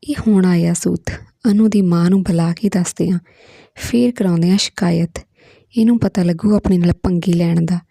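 A woman's voice: fairly low pitch, normal speed, creaky, warm tone, dry recording, studio quality. A woman reading the lines of a spiteful, scheming male schoolteacher who talks in a biting, mocking way. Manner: biting, mocking, talks while chewing his words.

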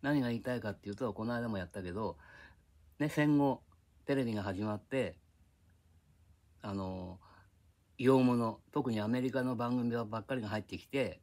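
An older man, reminiscing in a rambling, gruff casual monologue recorded on an iPad. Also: mid-range voice, normal speed, long pauses, a little mellow. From Japan. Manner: reminiscing, drifting between tangents, gruff casual speech. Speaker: vlogger.

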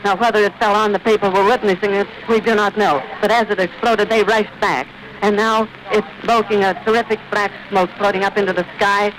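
A male radio reporter giving vivid, urgent live commentary outdoors at an airfield, pausing to catch his breath. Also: high voice. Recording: old 1930s archive radio recording with hiss.

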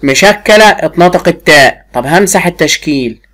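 A woman teacher with an Egyptian Arabic accent, giving a first-grade lesson and drilling a pupil with repeated questions while drawing words out slowly. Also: lowish voice, expressive, fairly bright tone. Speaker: primary school teacher.

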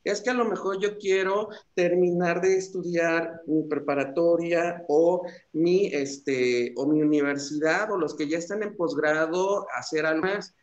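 A man's voice: on the high side, a little slow, few pauses. A man, a psychologist giving an earnest motivational talk that wanders through fillers and restarts. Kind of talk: motivational talk on a radio-style show. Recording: echoey, dull lo-fi room sound.

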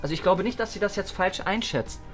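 A man's voice: high voice, fast, faint music behind. A man playing a caring, protective father in a family role-play drama, soothing and insistent. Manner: gentle, then insistent.

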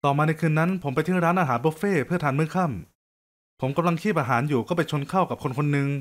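Lively man narrating a story. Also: fairly high pitch, fast. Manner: lively, joking, conversational. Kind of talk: scripted first-person narration.

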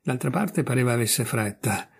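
A man reading a literary story aloud in a measured, serious narration. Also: medium pitch, animated, gravelly, husky. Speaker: audiobook reader.

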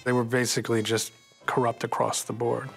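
A man's voice: medium pitch, flat delivery, fairly quick, gravelly, loud music behind the voice. An American man in his thirties or forties giving informal, colloquial commentary in a documentary interview. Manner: plain-spoken, colloquial. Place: dim indoor interview set, music behind.

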